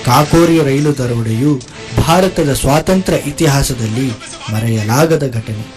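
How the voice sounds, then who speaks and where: A man giving formal, measured scripted narration between scenes of a stage drama. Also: mid-range voice. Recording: narration over music.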